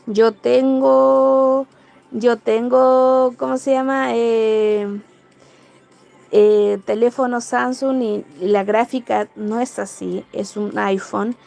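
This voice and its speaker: Slow gravelly Chilean woman livestreaming. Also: on the high side, steady tone, a little mellow. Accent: Chilean Spanish. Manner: chatty, rambling, greets viewers by name. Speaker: livestream host. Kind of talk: casual live-stream chat.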